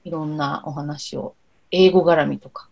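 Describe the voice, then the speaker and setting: A woman interpreter speaking as a podcast guest in a relaxed, thoughtful way, often pausing on soft fillers. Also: low voice, gravelly, muffled recording.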